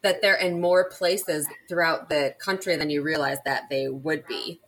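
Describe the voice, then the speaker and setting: A woman with a slightly low voice hosts a relaxed book chat. She recaps the story with eager enthusiasm and laughs often as she goes. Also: a little slow, a little hiss or hum, low-quality recording. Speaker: book podcast host. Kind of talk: casual book discussion.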